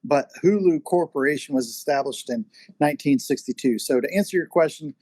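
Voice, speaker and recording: A man hosts a casual interview as a podcast host and magazine editor, speaking fairly quickly in a fairly high, slightly mellow voice. He rambles loosely, full of "uh" and "you know." The recording is dry and close, with little room around it.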